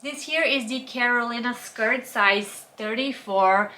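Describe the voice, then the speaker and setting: Bright-voiced woman chatting fashion. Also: on the high side, measured pace. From Bulgaria. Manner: chatty, enthusiastic product descriptions. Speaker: fashion vlogger. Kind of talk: casual haul and try-on talk.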